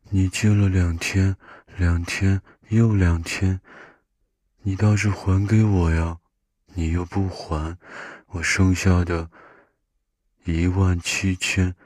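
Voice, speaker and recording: A man voicing a petulant lovestruck gray bunny in a soft storybook reading, grumbling in a breathy voice. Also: low-pitched, dry recording, studio quality, exaggerated voice.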